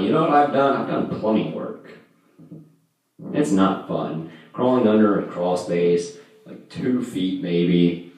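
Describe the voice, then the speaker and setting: A young man's voice sits low as he works through a loose, amateur stand-up bit indoors in a small room at home, stumbling, rambling, putting himself down, and swearing crudely. The echoey recording comes from a camera far off, with his handheld mic in the shot.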